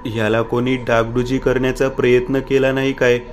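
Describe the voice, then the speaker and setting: A man's voice: mid-range voice, level tone, moderate pace, slight background noise, close to an everyday voice. A man voicing a young man in a horror story who urges his friends along and then panics, read plainly. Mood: urging.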